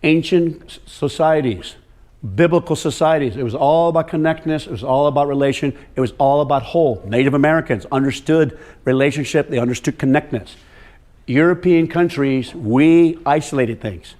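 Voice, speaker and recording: A man's voice: on the high side, fairly quick, darkish tone. A man giving a lecture to a room of farmers, emphatic and direct, repeating words for stress and calling on the audience. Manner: addresses audience directly, walks and calls on them. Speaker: soil health speaker.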